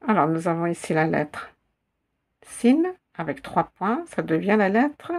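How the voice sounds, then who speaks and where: A woman teaching an Arabic reading lesson in French, patiently repeating each syllable and word slowly for learners. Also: fairly low pitch, sing-song, a little mellow. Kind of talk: slow spelled-out reading lesson.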